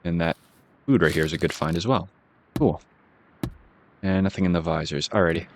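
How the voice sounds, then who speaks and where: Laid-back deep-voiced man with a Boston accent. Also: normal speed, slight background noise. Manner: laid-back, musing aloud, chuckles at himself. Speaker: gaming channel host. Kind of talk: casual relaxed gameplay commentary.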